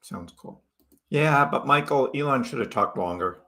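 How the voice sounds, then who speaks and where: A Chicago host of a crypto livestream greets viewers by name and reacts to their comments in casual conversation. He speaks at normal speed with lively intonation, in a bright, forceful, medium-pitched voice.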